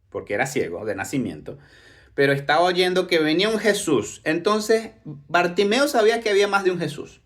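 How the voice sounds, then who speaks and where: A man's voice: fairly high pitch, fairly bright tone. A man preaching a sermon, reading scripture aloud and explaining it with rhetorical questions.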